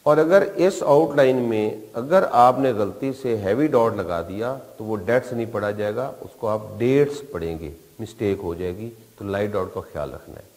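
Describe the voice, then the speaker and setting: Standing at a board, this Pakistani-accented man from Pakistan runs a shorthand lesson, going patiently through each step and restating the key terms. He speaks at a normal speed with few pauses, in a lowish, darkish voice with lively intonation. Long, hall-like reverb fills the recording.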